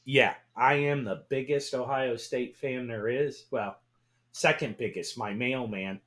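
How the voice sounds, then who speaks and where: A man talking sports on a radio show, his voice sitting at an ordinary middle pitch. He gets excited fast, swears freely and circles back over his own words. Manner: excitable, swears, laughs, repeats himself. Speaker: talk radio co-host. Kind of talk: casual sports talk.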